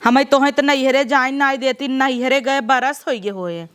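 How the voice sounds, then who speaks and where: A woman's voice: high voice, fairly even intonation, unhurried, a bit bright, smooth. A woman with an Awadhi accent playing a jealous sister-in-law who grumbles sarcastically in a comedy sketch. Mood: grumbling.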